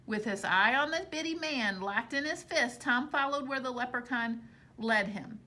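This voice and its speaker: Reading expressively to children like a teacher, a woman with a bright, forceful, fairly high voice stops now and then to explain things to her young audience.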